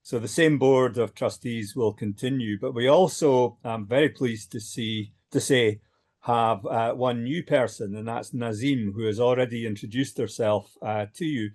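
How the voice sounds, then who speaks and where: A man's voice: mid-range voice, moderate pace, a little mellow. An older man chairing an online meeting, hesitant with many fillers.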